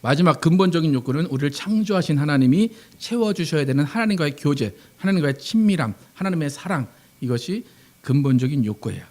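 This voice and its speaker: A man's voice: on the high side, animated, fast talker, darkish tone. A man, a pastor, preaching a Sunday sermon in a conversational way, asking the congregation questions and acting out quoted lines.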